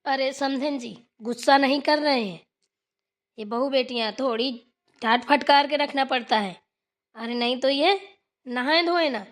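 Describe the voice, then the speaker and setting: A woman voicing a scolding middle-aged village mother-in-law in a cartoon, sharp and nagging. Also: high voice, a little slow. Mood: defensive, chatty. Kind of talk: cartoon voice acting.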